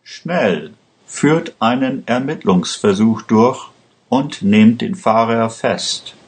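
A man's voice: mid-range voice, expressive, slow, voice pushed up. A man voicing an impatient, tired judge who gives curt commands.

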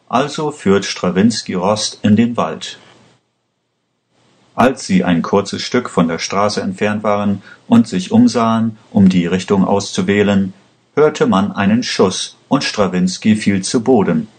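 A man reading a story aloud in a plain, even storybook manner. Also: fairly low pitch. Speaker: narrator. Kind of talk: slow scripted story narration.

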